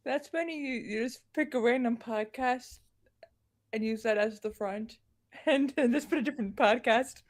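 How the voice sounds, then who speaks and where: A woman guesting on a casual podcast, with a somewhat high voice. She talks in a relaxed way, laying out ideas step by step and swearing now and then. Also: normal speed. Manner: relaxed, offering practical suggestions, casual swearing.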